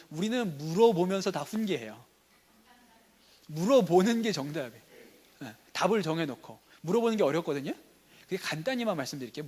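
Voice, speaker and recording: A man's voice: a little high, a little mellow. A man preaching a sermon as pastor, talking conversationally and asking the congregation rhetorical questions. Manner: conversational, acts out everyday dialogue. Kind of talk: sermon at a teachers' revival meeting.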